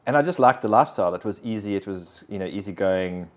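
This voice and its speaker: A man's voice: on the low side, lively intonation, fast talker. A man, sharing his personal faith story in an interview in an earnest, reflective way. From South Africa. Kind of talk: conversational personal testimony.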